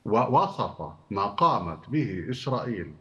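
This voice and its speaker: Measured male human rights adviser. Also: fairly low pitch, very animated, bright, forceful tone. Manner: measured, explanatory. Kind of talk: analytical commentary.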